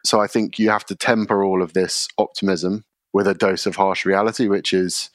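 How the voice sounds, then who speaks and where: A man, a podcast guest explaining his workplace practices in a measured way, often using fillers. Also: low voice, level tone, no echo, studio quality. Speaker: guest, contact centre leader. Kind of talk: podcast interview answers.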